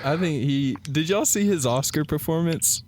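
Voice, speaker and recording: A man's voice: on the high side, moderate pace, a little mellow, a little hiss or hum. A man co-hosting a podcast, telling stories in a rambling way and filling them with "like". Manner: rambling storyteller, heavy use of "like". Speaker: podcast co-host. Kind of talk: casual sports and music chat.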